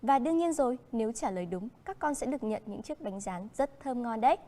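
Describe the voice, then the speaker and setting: In a large hall, a woman with a Vietnamese accent leads a primary school English lesson, speaking slowly and clearly as she moves between English and Vietnamese. Her voice is a little high, animated and mellow.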